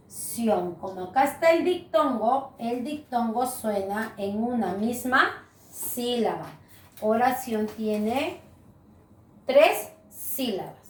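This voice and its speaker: A woman's voice: sits high, reverberant, far from the mic. A woman teacher giving a recorded grammar lesson, explaining patiently and checking in with her students often. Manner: slow, patient explaining with frequent "¿verdad?" tags.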